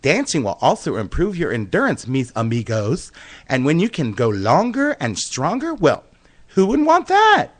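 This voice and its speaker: This man's slightly high voice swings hugely in pitch at a normal speed. Playing a flamboyant dance instructor in a radio comedy sketch, he is giddy, gushing and flirtatious.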